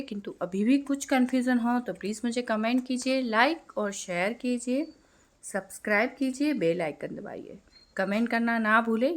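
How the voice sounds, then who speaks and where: A young woman with a slightly high-pitched voice gives an online grammar lesson. She explains each point clearly and step by step. When she quotes a verse, she slows right down. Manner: clear explanatory tone, recites verse lines slowly. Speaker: Hindi grammar teacher.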